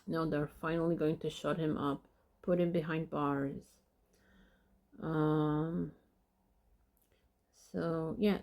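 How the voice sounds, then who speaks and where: A woman's voice: low-pitched, vocal fry, darkish tone. A woman hosting a podcast, commenting casually on a documentary with many fillers and sarcastic asides. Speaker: podcast host.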